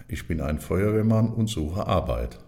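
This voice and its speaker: A man's voice: sits low, very animated, moderate pace, gravelly, mellow, heavily acted. A man voicing a small, eager and proud young male fireman in a storybook reading, sounding earnest.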